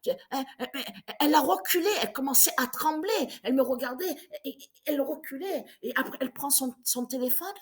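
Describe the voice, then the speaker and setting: A woman's voice: high voice, a little fast. A woman in her fifties delivering an angry, agitated monologue, repeating herself and stumbling through restarts. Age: 50s. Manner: agitated, repetitive, stammering restarts. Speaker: vlogger.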